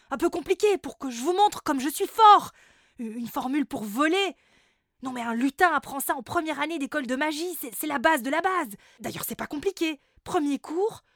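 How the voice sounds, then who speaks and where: A preening male elf pop star from a children's storybook, put on by a woman, who can't stop admiring himself. He talks in a showy, pompous way, in a fairly high, bright voice that often swells loud. The sound is dry and close. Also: dry recording. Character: vain, boastful male elf boy-band singer. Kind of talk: storybook character voice.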